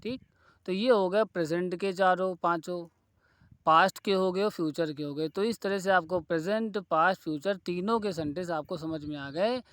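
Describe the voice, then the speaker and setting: A man teaching a grammar lesson who repeats each example slowly and deliberately, mixing in phrases. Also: high-pitched, fairly bright tone, clean tone, no echo.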